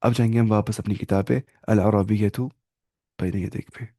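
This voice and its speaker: A man's voice: on the low side, steady tone, normal speed, mellow. A man teaching an online Arabic lesson in Hindi, drilling grammar through repetition and often asking his students questions. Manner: repetitive drilling with hand gestures.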